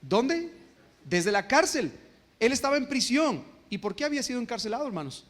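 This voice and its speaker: High-pitched preaching man in a reverberant hall. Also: big pitch swings, moderate pace, fairly bright tone. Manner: preaching with rhetorical questions to the congregation. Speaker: pastor. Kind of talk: sermon. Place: church sanctuary.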